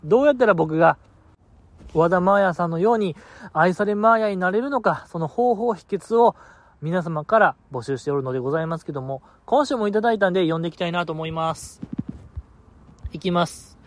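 A man's voice: high-pitched, lively intonation, fairly quick. A man hosting a podcast alone, chatting casually in a rambling, self-mocking and sleepy way. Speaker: podcast host. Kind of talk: casual solo podcast chat.

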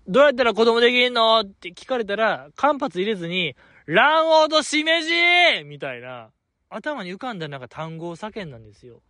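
A young man from Osaka with a Kansai accent hosting a podcast, telling stories in an animated, self-deprecating way. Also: high voice, dry recording. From Osaka, Japan. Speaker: podcast host. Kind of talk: casual solo podcast talk.

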